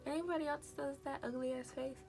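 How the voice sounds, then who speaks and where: Young girl doing a makeup vlog, kinda high voice, casual and swears a lot. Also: steady tone, fast talker, vocal fry, a little mellow, soft background music. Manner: chatty, swears casually, upbeat sign-off. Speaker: beauty vlogger. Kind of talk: casual makeup tutorial chat.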